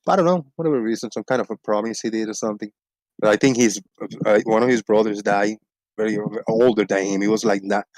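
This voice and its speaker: A man's voice: lowish voice, a little mellow, dry recording, rough recording. A man in his forties from Puerto Rico with a Puerto Rican accent, a native Spanish speaker chatting loosely on his livestream, laughing and swearing, with a little frog in his throat. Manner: rambling, laughing, swears freely. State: slight frog in the throat, clearing it. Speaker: livestream host. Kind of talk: casual livestream chat.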